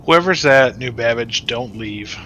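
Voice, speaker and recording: Brief: male gamer, casual chat, dry, teasing humor, tense bright tone. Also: medium pitch, animated, a little slow, slight background noise, low-quality recording. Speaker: gaming friend.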